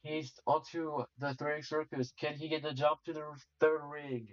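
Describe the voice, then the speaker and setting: A young man commentating a game competition play-by-play, halting with fillers and restarts, then breaking into excited shouts. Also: a little high, no echo. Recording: distant dull mic with faint music.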